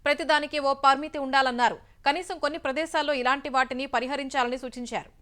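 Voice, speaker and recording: A woman news anchor reading the bulletin in a brisk, formal newsreader manner. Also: high voice, steady tone, fairly bright tone.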